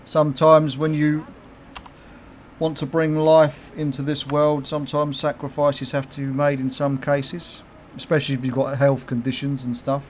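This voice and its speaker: A man's voice: a little high, flat delivery, moderate pace, slight background noise. A middle-aged man chatting casually on his game livestream, swearing freely, laughing often and reacting to chat comments. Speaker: game streamer.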